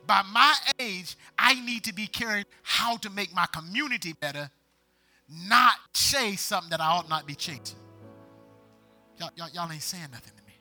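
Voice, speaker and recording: A man's voice: high voice, moderate pace, soft background music. A middle-aged man pastor preaching a call-and-response sermon, urging the congregation to answer him and building to emphatic peaks. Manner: rising to emphatic, shouted peaks.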